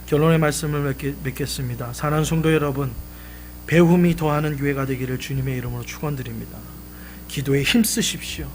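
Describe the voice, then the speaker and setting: A male pastor preaching a live Sunday sermon, emphatic, swelling loud and then dropping low. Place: church sanctuary.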